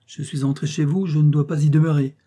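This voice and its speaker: A shrewd, self-assured detective gives quick orders in a dark, slightly husky voice, as a male reader puts him on. He sounds commanding and brisk, a little raised above the narration. It is an audiobook-style storybook reading. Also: fairly high pitch, level tone. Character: shrewd confident male police detective in disguise.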